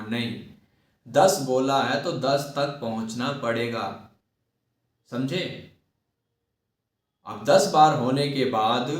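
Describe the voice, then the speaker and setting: A man gives an acting lesson in a slow, deliberate voice, repeating his key words for emphasis. His voice rings with heavy room echo. He sounds set back from the microphone. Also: mid-range voice. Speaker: acting teacher. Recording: echoey room, far from mic.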